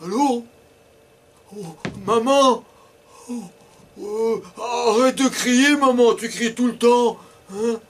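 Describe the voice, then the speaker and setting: A cheeky, excitable little boy, as a male storyteller puts him on, high and whiny, prone to yelling. His voice comes from a distance, with a faint hiss behind it. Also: takes it slowly, long pauses. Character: young schoolboy, cheeky and excitable.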